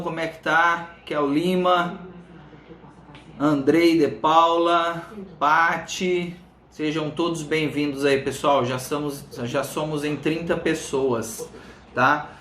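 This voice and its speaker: Brazilian male live-stream host, higher-pitched voice, informal greetings, slightly swollen-tongue speech, roomy echo. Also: fairly bright tone. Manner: chatty, informal, addresses viewers by name. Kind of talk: casual live chat greeting viewers. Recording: roomy, echoing room sound.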